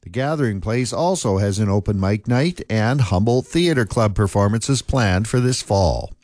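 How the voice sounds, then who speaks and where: A man reading scripted local news and sports in a steady, measured delivery. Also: on the low side, no echo, studio quality. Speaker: news anchor.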